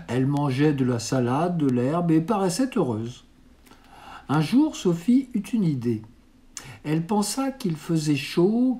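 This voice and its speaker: Mellow male storybook reader. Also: a little high. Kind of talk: reading a children's classic aloud.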